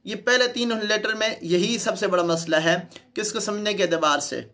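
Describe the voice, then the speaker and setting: A man with a Pakistani Urdu accent teaches letter pronunciation in an online lesson, speaking into a close mic. His voice sits high and carries a bright edge. He repeats each sound patiently for demonstration. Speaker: Quran teacher.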